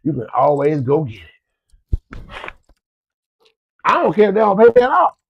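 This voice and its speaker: A Florida man suffering from a cold talks unhurriedly to his listeners, offering folksy business advice in a casual, repetitive motivational style. His fairly high, slightly rough voice swings hugely in pitch, and the recording has its highs cut off.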